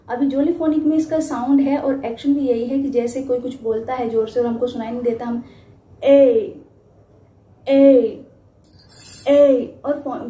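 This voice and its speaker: High-voiced woman teaching phonics sounds. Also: slight background noise. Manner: models letter sounds loudly, drawn out. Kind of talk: spoken teaching tutorial. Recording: echoey room.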